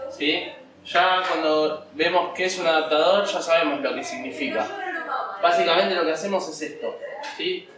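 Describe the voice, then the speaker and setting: A man's voice: fairly high pitch, fairly bright tone, slight background noise. Man lecturing, "¿sí?" checks. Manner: says "¿sí?" often to check understanding; fillers "eh" and "este". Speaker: programming teacher. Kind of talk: lecture on software design. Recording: echoey room, distant mic, faint ambience.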